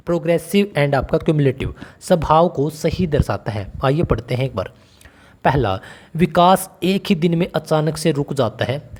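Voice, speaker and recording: A male tutor talks through a teacher-exam lesson in a chatty way, often calling the listener brother and throwing questions back at them. His voice sits a little high, with a warm, mellow tone. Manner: conversational, calls the listener brother and asks questions. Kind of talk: online exam-prep lesson.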